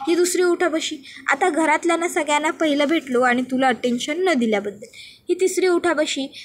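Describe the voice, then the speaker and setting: A woman's voice: high voice, a little fast, slight background noise, natural voice. A woman voicing a playful young husband who pleads and jokes his way into an apology. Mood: pleading. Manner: teasing, pleading.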